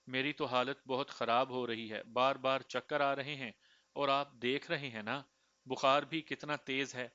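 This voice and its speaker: A man voicing a feverish, anxious young woman who speaks softly and wearily in a read-aloud story. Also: medium pitch, steady tone, clear, resonant tone, no room sound, highs cut off, natural voice. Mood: weak, pleading. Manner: soft, tired pleading.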